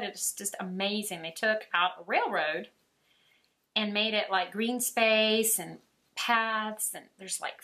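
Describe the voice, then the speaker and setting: An art teacher from Alabama talks in easy, chatty fashion, with a mild Southern accent. The woman's voice is bright and forward, and she breaks into laughter often as she talks. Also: medium pitch. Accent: Southern American. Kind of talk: casual chat while painting.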